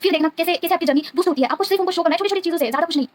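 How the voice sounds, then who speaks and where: Woman spiritual guide, earnest and devout, keeps checking in with listeners; very rapid delivery. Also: very high-pitched, a little hiss or hum. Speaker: tarot reader and spiritual guide. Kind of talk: earnest spiritual talk to viewers.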